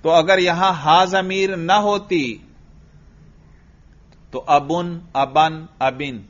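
A man's voice: on the high side, fairly even intonation, a bit bright. Man drilling grammar in a lo-fi classroom. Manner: patient, quizzing and praising the student. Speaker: teacher of Arabic grammar. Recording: dull lo-fi recording.

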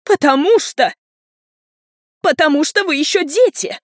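A woman's voice: sits high, lively intonation, measured pace, dry recording, clean studio sound, pitched above the performer's own voice. A woman reading an audiobook, voicing a shocked middle-aged mother who scolds and lectures in a preachy way.

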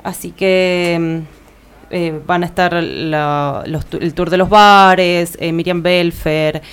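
A woman's voice: lowish voice, fairly even intonation, takes it slowly, clean tone. A woman with an Argentine Spanish accent, co-hosting community radio and reading out the week's events agenda, with frequent "eh" fillers and self-corrections. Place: radio studio.

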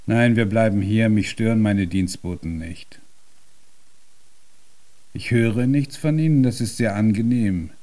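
In a German radio drama, an actor voices a cranky, arrogant old composer who is hard of hearing, speaking huskily in grand, flowery language. The male voice sits fairly low and moves unhurriedly, with long pauses, a warm tone, and a light touch of acting.

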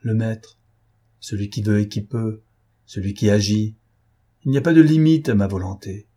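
A man's voice: lowish voice, normal speed, dark tone, husky. A man reading an audiobook voices a proud, domineering noble master who speaks with emphatic irony. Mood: imperious. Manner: emphatic, ironic, imperious.

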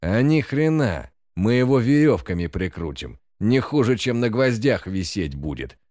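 A man voicing a drunk, brutal man leading a lynch mob, shouting and cursing in a menacing way. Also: lowish voice, big pitch swings, normal speed, no room sound, clean studio sound, pitched above the performer's own voice. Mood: furious. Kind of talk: audiobook character voice.

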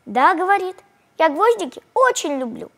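A woman's voice: very high-pitched, big pitch swings, a little fast, fairly bright tone, long reverb tail, pitched above the performer's own voice, exaggerated voice. A woman voicing a tiny, timid creature girl who eats nails, with a thin, shy, sniffly little voice, in a storybook reading. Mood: shy, pleading.

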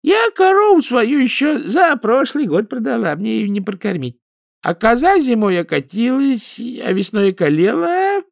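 A man's voice: very high voice, very animated, moderate pace, vocal fry, no room sound, clean studio sound, pitched above the performer's own voice, full character voice. A man voicing a half-deaf, grumbling old village woman in an audiobook, with a plaintive folksy manner.

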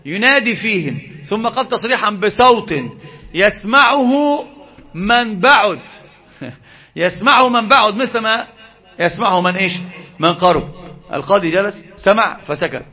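A man giving an animated Islamic lesson, asking his listeners questions and answering them himself. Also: high-pitched, fairly quick, lo-fi sound. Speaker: religious teacher.

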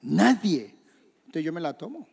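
A man preaching a sermon as pastor in a church, questioning the congregation and shouting quoted scripture. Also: a little high, sing-song, moderate pace, gravelly, slightly rough, long reverb tail. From Colombia. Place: church hall.

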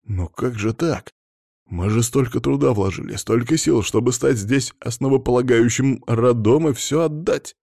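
A man's voice: medium pitch, moderate pace, creaky, darkish tone, dry recording, studio quality, pitched above the performer's own voice. A man voicing a nervous, spineless middle-aged male nobleman who mumbles defensively. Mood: defensive pleading.

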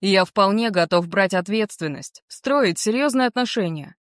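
A woman with a medium-pitched, lively voice reads the part of an earnest young man in an audiobook, speaking at a normal pace. Her delivery is sincere, warm and gently persuasive. The studio-quality recording has no room sound, and her voice sounds natural.

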